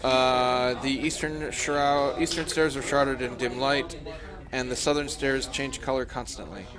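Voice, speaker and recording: A man's voice: mid-range voice, fairly even intonation, a little slow, crowd noise. A man narrating a tabletop game as game master, in a hesitant, self-correcting way.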